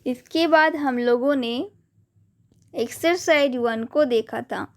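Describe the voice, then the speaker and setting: Woman, teacher, high voice, very slow, spells each letter, deliberate lesson.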